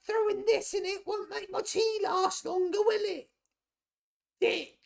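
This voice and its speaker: A woman voicing a shrill, cranky goblin potion seller. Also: fairly even intonation, a little slow, creaky, full character voice. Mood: exasperated. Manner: irritable, swearing, shrill and shouting. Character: surly foul-mouthed male goblin potion seller.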